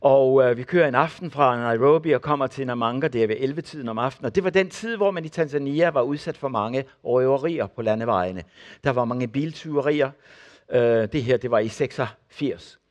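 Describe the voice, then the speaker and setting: An older man preaching, telling testimony stories and acting out the people in them. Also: mid-range voice. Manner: animated storyteller acting out the people in his stories. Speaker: preacher and former missionary. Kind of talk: sermon testimony.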